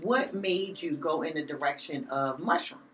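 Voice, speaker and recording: A woman hosting a podcast, greeting her audience and guests in an animated, drawn-out way with playful asides. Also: sits low. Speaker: podcast host. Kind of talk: enthusiastic podcast welcome and interview. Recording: distant mic with faint music behind.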